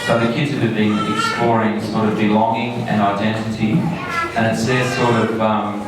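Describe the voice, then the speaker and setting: A school staff member with a low voice gives an informal live introduction to a show before an audience. His delivery is flat and moderately paced, captured by a distant mic in a very echoey indoor hall that is very noisy, with audience sounds.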